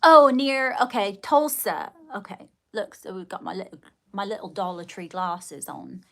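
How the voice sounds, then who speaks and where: This middle-aged woman hosts a casual livestream, chatting with viewers effusively and showering them with greetings and terms of endearment. Her mid-range voice is a little slow and carries some vocal fry.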